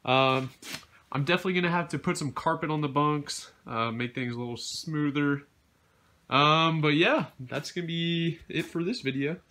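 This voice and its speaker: A young adult DIY vlogger narrates a build in his home garage while filming on a handheld phone, talking casually with lots of ums and uhs. His voice is a little high with a sharp tone, at a moderate pace.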